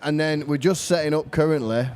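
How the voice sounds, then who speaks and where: A man with a Bradford Yorkshire accent hosting a podcast in a relaxed, chatty way, laughing easily. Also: on the high side, a little fast. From Yorkshire, England. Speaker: podcast host. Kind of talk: casual chat. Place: venue bar.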